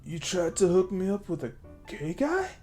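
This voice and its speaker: A woman's voice: on the low side, big pitch swings, moderate pace, warm tone, soft background music, pitched above the performer's own voice. A man voicing a tipsy young woman who asks blunt, bewildered questions in a raised voice. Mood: incredulous.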